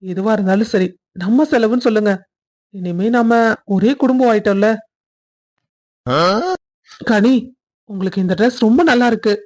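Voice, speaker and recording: A woman's voice: mid-range voice, moderate pace, long pauses, dark tone, close to an everyday voice. A woman voicing a caring young man in a family cartoon, earnest and reassuring. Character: young man, caring groom and protective brother figure. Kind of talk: cartoon voice acting.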